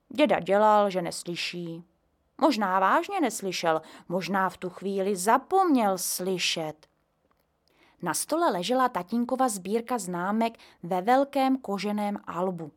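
A woman narrating a children's story in a calm, soft-spoken way. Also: medium pitch.

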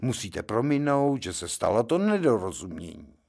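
A man voicing a stern middle-aged gentleman who firmly explains away a mistake, in a read-aloud story. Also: mid-range voice, sing-song, gravelly. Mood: placating.

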